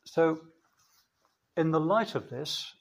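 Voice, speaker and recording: A man preaching a sermon in a church, slow and measured, with emphatic pauses. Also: on the high side, lively intonation, gravelly.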